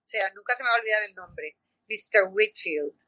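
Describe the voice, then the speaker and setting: The audio is poor, though free of echo, as this actress from Puerto Rico chats in an interview, telling lively stories full of fillers and false starts. Her voice is mid-range and fairly quick, carrying a Puerto Rican Spanish accent.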